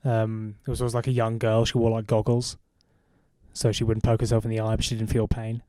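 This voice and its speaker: A young adult man, a comedian co-hosting a podcast, riffing on absurd ideas in a deadpan casual way. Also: lowish voice, a little fast, dry recording.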